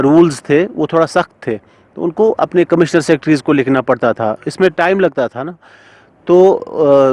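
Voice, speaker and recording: A middle-aged man, a singer and composer being interviewed, speaking thoughtfully with many pauses and fillers. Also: fairly high pitch, a little mellow, no echo. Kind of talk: casual interview talk.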